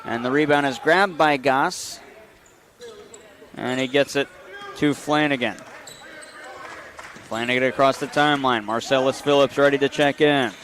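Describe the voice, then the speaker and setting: A man giving brisk basketball play-by-play commentary in short bursts, calling each play as it happens. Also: medium pitch, steady tone, fairly bright tone. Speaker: play-by-play announcer.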